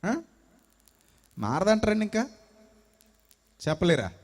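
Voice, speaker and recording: A man's voice: high voice, very animated, slow pace. A male preacher delivering a sermon, telling stories and acting out the voices of quarrelling people. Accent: Telugu. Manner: storytelling, acts out quarrelling people.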